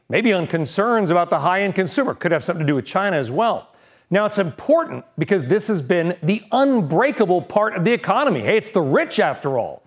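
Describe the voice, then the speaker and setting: A man hosting an evening business news show, brisk and punchy with a conversational touch. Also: high-pitched. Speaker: TV news host.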